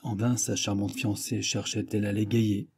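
A man narrating a short story for an audiobook in a measured, even storytelling manner with a husky voice. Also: on the low side. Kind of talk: scripted narration.

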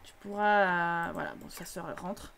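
A woman's voice: on the low side, normal speed, creaky, noisy background. A woman chatting casually as she streams a life-sim game, teasing the characters and talking to them.

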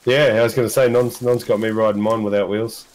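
A man's voice: on the low side, fairly even intonation, a little fast, a little mellow. A man from New Zealand with a New Zealand accent, chatting casually and joking on a hunting game stream. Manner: joking, laughs often. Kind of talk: casual gaming chat.

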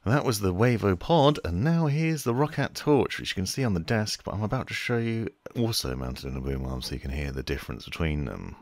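A man with an extremely deep, gravelly voice talks through a microphone review at his desk. He explains each feature step by step in a casual way. The sound is dry and close, with no room echo. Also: lively intonation, brisk, hardly any pauses, darkish tone. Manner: explanatory, demonstrating gear step by step. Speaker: tech reviewer. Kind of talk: casual product review demo. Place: desk setup indoors. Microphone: desk microphone on boom arm.

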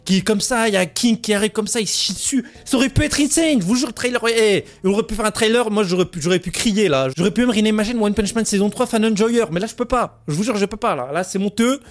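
A man's voice: high-pitched, fast, few pauses. A young man in his twenties, an anime YouTuber, delivering an exasperated, slang-heavy rant in a video review. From France. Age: 20s. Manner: indignant, exasperated ranting with heavy slang and swearing.

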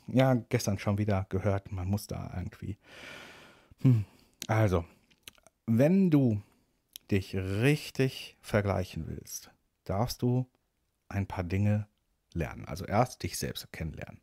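A man's voice: lowish voice, a little mellow, breathy edge, no room sound, clean studio sound. A middle-aged man hosting a casual coaching podcast, talking bluntly and directly to the listener.

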